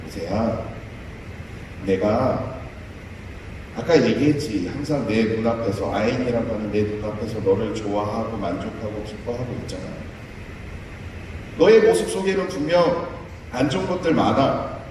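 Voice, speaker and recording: Man voicing a gentle fatherly god, deep soft tone, slow, echoey hall. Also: slight background noise, natural voice. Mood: gentle, soothing. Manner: soft, slow, low reassuring tone. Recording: echoey church hall, mic far off.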